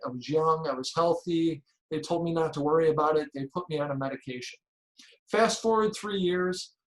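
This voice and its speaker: A man's voice: fairly high pitch, poor audio. A man in his forties from the Chicago area, giving an earnest, emphatic inspirational talk at a conference. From Chicago area, United States. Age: 40s. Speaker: conference speaker.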